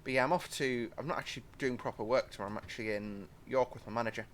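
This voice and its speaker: Driving a train simulator, a young British gaming host gives rambling, chatty commentary full of apologetic asides. He talks rapid-fire in a steady, mid-range voice, with a little hiss or hum in the audio.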